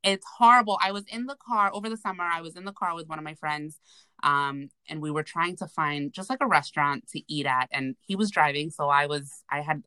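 A woman co-hosts a casual podcast chat and tells her stories in a loose, rambling way full of little fillers. Her voice sits low but sounds bright and forward. The recording is dry and close. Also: no echo. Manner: chatty, rambling storyteller with many fillers. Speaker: podcast co-host.

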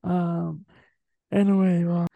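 A man's voice: sits high, flat delivery, slow pace, vocal fry, dry recording. A man in his late teens with a west of Ireland accent, hosting a casual sports interview. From Galway, Ireland. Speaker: podcast host. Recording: dull, muffled lo-fi audio.

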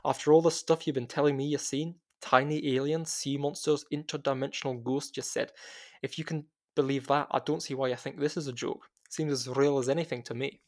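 A man voicing a loud, cheerful Scottish woman who runs a bookshop, speaking in a booming, boisterous way. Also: fairly even intonation, a little fast, close to an everyday voice. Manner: bellowing, boisterous.

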